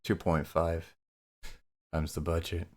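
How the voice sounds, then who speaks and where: A man's voice: sits low, completely flat delivery, slow pace, darkish tone. A man hosting a casual movie podcast, easygoing and steering the questions. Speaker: podcast host. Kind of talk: casual movie review chat.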